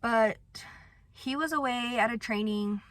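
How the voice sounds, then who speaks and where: A woman's voice: on the high side, a little slow, fairly bright tone. A young woman chatting casually to her viewers, telling a personal story with lots of "like" and some self-mockery. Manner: chatty, sprinkled with "like", self-mocking. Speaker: vlogger.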